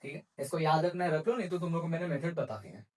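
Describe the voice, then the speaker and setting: A man's voice: a little high, expressive, very fast, low-quality recording. Male teacher quizzing his class. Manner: poses questions to students and answers them himself; mixes Hindi with English terms. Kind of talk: exam-prep physics lecture.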